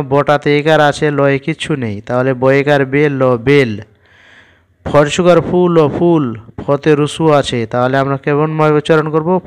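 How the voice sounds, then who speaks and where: A man teaching young children to read, spelling out each word letter by letter in a patient, steady way. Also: a little high, smooth. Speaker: primary school teacher. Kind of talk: spelling-out reading lesson for children.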